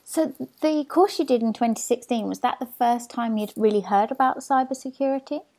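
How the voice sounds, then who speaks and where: A woman's voice: on the high side, a little fast, mellow. A woman hosting an interview podcast, asking questions in a conversational way.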